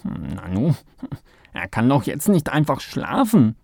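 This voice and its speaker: A man voicing an eager, impatient little male mole in a children's storybook, with loud, excited exclamations. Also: mid-range voice, unhurried, creaky, no echo, studio quality, exaggerated voice. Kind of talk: storybook read-aloud.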